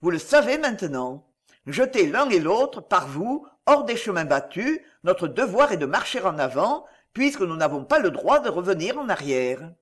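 A man's voice: high voice, sing-song, normal speed, fairly bright tone, exaggerated voice. A man playing a proud ironmaster husband who speaks severely, coldly and mockingly.

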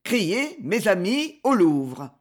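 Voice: medium pitch, very animated, unhurried. A fierce, self-assured swordsman who speaks in commanding threats, with plenty of rise and fall in the voice, as a reader acts him out. Audiobook character reading. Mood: urgent threat.

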